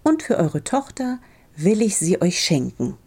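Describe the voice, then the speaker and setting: A woman's voice: lowish voice, big pitch swings, a little slow, darkish tone, breathy edge, heavily acted. A woman voicing a sly young prince who courts with polite, mocking irony, in a storybook reading. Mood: courtly. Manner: polite, teasing, ironically courteous.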